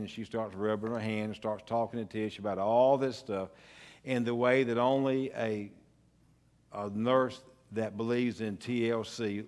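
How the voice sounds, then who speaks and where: An older man, a pastor telling a family story in a folksy, unhurried way with pauses and restarts. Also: lowish voice, a little mellow. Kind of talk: storytelling sermon. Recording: long church hall reverb.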